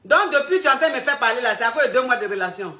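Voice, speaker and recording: Bright-voiced teasing woman coach. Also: a little high, very fast, echoey room. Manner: animated, teasing, crude and repetitive, often laughing. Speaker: relationship coach on a live stream. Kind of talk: livestream advice chat.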